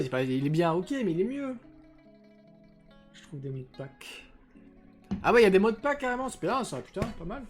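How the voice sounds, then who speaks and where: A man's voice: fairly high pitch, a little mellow. A young man streaming live, chatting casually and rambling with lots of hesitations and crude slang into a filtered desk microphone. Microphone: desk microphone with noise filters.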